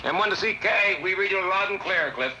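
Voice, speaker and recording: An actor playing a male astronaut commanding a Mars ship, heard over a radio link and using crisp radio procedure talk. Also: high-pitched, brisk, very noisy. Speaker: spaceship crew commander. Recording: echoey radio voice under loud score.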